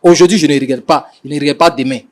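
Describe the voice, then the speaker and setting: Quick-talking defensive young man. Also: on the high side. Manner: defensive, halting, repeating himself. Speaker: husband being mediated. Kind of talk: defensive explanation on a mediation show.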